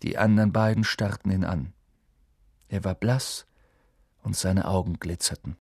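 Measured male audiobook narrator. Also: sits low, slightly rough, no echo, clean studio sound. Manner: measured, expressive storytelling.

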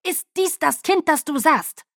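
A woman's voice: medium pitch, sing-song, moderate pace, slightly rough, dry recording, clean studio sound. A woman voicing a harsh, impatient male vampire elder who speaks in curt, snapping bursts.

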